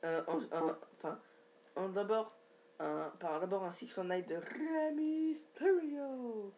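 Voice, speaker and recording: A man's voice: high-pitched, steady tone, moderate pace, darkish tone, slight background noise. A man giving a casual, rambling recap from his home computer, with many restarts and fillers. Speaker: wrestling recap vlogger.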